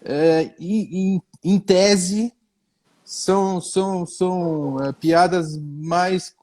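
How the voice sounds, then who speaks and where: A middle-aged Brazilian comedian, guesting on a live stream, chats casually in a high, steady voice with a darkish tone, speaking extremely slowly. He hesitates, repeats words, and makes wry self-mocking jokes, sometimes slipping into pompous, old-fashioned phrasing, all with a Brazilian Portuguese accent.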